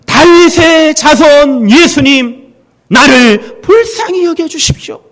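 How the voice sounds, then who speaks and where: A man voicing a desperate blind male beggar who shouts and pleads for help. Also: very high-pitched, lively intonation, takes it slowly, pitched above the performer's own voice, heavily acted. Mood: desperate pleading.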